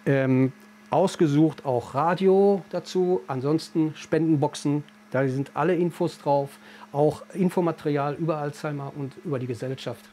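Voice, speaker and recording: A man's voice: fairly high pitch, moderate pace, warm tone, a little hiss or hum. A man speaking colloquially in a news interview, using lots of tag questions. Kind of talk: emotional interview.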